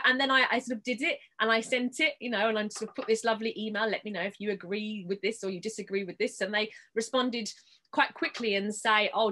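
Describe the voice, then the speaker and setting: A woman's voice: fairly high pitch, pushed and bright. A woman theatre producer on a video call, talking candidly on a panel with lots of fillers. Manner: candid, chatty with many fillers. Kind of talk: casual panel talk.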